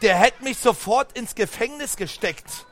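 A high-voiced man telling a picture-book story to a crowd of children. He is animated and keeps turning to the kids with questions. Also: measured pace. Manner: animated, talks straight to the children, asks them questions. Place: book fair stand.

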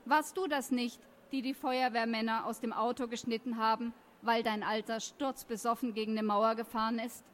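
A woman's voice: a little high, fairly even intonation, moderate pace, few pauses, close to an everyday voice. A woman voicing a cocky, scornful teenage boy who taunts a classmate in a sneering way. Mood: taunting.

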